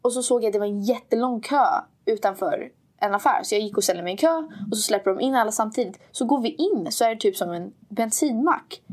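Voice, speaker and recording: A woman's voice: a little high, hardly any pauses. A young woman from Sweden, co-hosting a podcast, chatting casually and switching between Swedish and English with frequent laughs. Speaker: podcast co-host. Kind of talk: casual chat.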